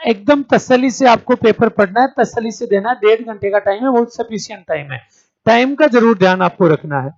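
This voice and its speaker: A male teacher runs an exam-prep class in a high, light voice, posing each question to his students and answering it himself. He calls them "beta" and keeps checking in with them. The sound is dull and lo-fi, like a streamed lecture. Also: a little fast. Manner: calls students 'beta', checks understanding with 'theek hai'.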